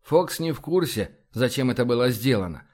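A shrewd, sardonic admiral, as a male audiobook reader voices him close to the reader's own mid-pitched tone. He speaks dryly and conspiratorially in this science-fiction audiobook. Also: expressive, moderate pace, darkish tone, lightly acted.

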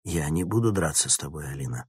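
A man's voice: extremely low pitch, animated, quick pace, husky, no room sound, clean studio sound, heavily acted. A male narrator voicing an earnest teenage boy hero who pleads in a firm, urgent way.

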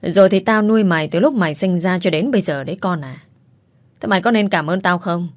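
A woman's voice: on the low side, quick pace, no room sound, lightly acted. A woman voicing a furious, spiteful middle-aged stepmother who screams insults, in a storybook reading.

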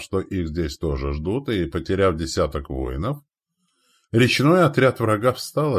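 A male audiobook narrator telling a war story with vivid drama. His voice is deep and swings widely in pitch. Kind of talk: scripted narration.

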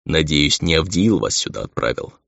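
A man's voice: rumbling low, big pitch swings, moderate pace, gravelly, a bit bright, no echo, heavily acted. A man voicing a stern, brooding half-demon male envoy who speaks insistently. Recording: dull lo-fi dry recording.

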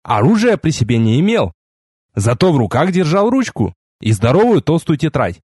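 Lively, husky male audiobook narrator. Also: on the high side, moderate pace, dry recording, clean studio sound. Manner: wry, lively storytelling. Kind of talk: first-person fantasy novel reading.

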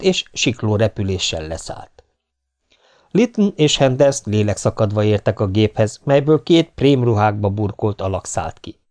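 A man narrating an adventure novel as an audiobook in a measured, even reading. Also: on the low side. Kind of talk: scripted narration.

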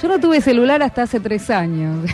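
A woman's voice: a little high, big pitch swings, normal speed, a little mellow, faint music behind. A woman hosting a radio show, chatting casually with children and often checking in with short questions. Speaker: radio host. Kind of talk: casual interview with schoolchildren.

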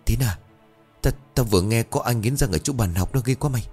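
A man's voice: mid-range voice, a little fast, dark tone, breathy edge, soft background music, lightly acted. A man voicing a timid, frightened young man who talks hesitantly and uneasily. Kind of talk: storytelling dialogue.

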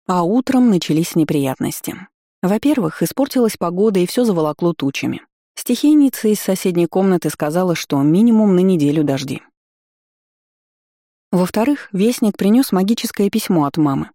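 An audiobook narrator telling a first-person fantasy story in a lively, expressive way. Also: mid-range voice, moderate pace, no echo, clean studio sound.

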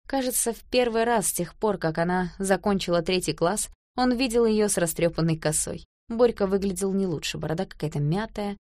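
A woman reads a novel aloud in even, measured narration. Her voice is fairly low, recorded dry and close to the mic with no room sound. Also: no echo. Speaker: audiobook narrator. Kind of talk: scripted narration.

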